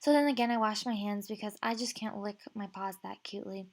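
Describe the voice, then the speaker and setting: A woman's voice: medium pitch, a little fast, a little mellow. Playful young woman narrating a comedic vlog. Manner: playful, mock-serious storytelling. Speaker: vlogger. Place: home.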